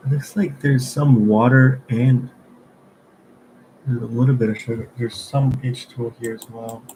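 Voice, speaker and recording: A man's voice: mid-range voice, fairly even intonation, unhurried, warm tone, a little hiss or hum, low-quality recording. A young man thinking aloud as he studies, quizzing himself under his breath and trailing off when unsure. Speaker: student studying for an exam. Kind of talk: thinking aloud while studying.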